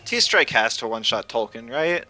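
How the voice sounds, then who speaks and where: Bright-voiced male streamer talking through a match. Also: medium pitch, sing-song. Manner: thinking aloud, chatty, quick asides and laughs. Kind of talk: casual live game commentary.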